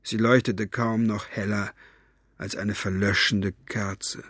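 A man reading an audiobook with expressive storytelling narration. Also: fairly low pitch, slow pace, slightly rough, no room sound. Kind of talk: scripted narration.

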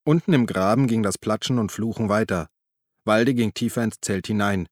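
A man narrates an audiobook in a calm, even storytelling manner. His voice sits low. The recording is close and dry, with no room sound. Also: normal speed, no echo. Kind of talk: scripted narration.

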